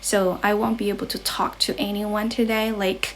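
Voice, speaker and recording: Slightly ill and low on energy, a young Chinese woman from China who teaches English chats on a livestream at her grandmother's house. Her Chinese-accented delivery is flat and at normal speed, constantly rephrased and translated between English and Chinese, with a little hiss or hum in the audio.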